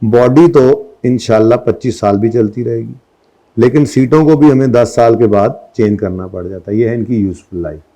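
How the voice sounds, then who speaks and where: A middle-aged accountancy lecturer teaches in Urdu sprinkled with English terms, firing checking questions at his students. His voice is medium-pitched, moderately paced, and dark.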